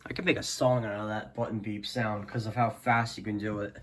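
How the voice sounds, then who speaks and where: In a clearly noisy amateur home recording, a hobbyist video maker gives a loose, unscripted product demo. His voice is on the low side, flat, and fairly quick. He rambles and hesitates, often trailing off with "so yeah."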